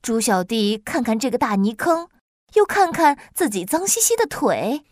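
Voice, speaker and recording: Woman storyteller, kids' tale, lively sing-song voice, dry close sound. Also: on the high side, moderate pace, no echo. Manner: lilting, expressive storytelling. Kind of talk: children's story narration.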